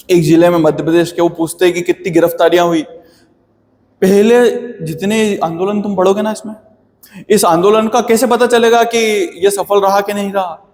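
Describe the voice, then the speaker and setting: A man's voice: high voice, a little mellow, big-room sound. A man teaching a history lesson in a chatty, friendly way, calling his students "beta". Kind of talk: classroom history lecture.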